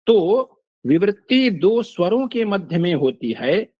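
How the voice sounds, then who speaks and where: An older man teaching Sanskrit phonetics in a slow, measured lecture, pausing to recite verses and examples. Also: high-pitched, big pitch swings, a little mellow, no room sound. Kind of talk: lecture explaining a text line by line. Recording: dull, lo-fi dry recording.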